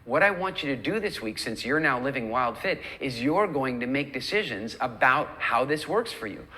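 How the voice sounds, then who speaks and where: A male nutrition coach gives a recorded lesson in a casual, conversational way. His voice is bright and clear at a medium pitch. He slips into little acted-out quotes of what people say. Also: expressive, normal speed. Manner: conversational, acts out quoted lines.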